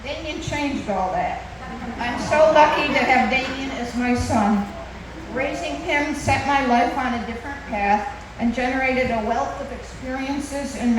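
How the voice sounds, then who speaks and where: A woman's voice: a little high, a little slow. An older woman giving a composed, prepared wedding toast as the mother of the groom. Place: large reverberant venue. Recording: echoey hall, distant, noisy.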